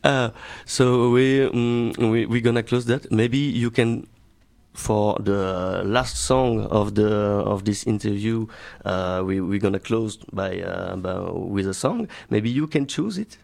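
A man interviewing casually in halting, non-native English, often repeating words as he goes. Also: on the low side, gravelly, a little mellow.

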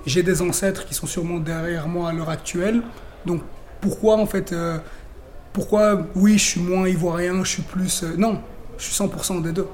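A man's voice: sits high, steady tone, normal speed, a little mellow, slight background noise. A young man from Belgium, a rapper guest in a radio interview, talking chattily with many fillers and restarts.

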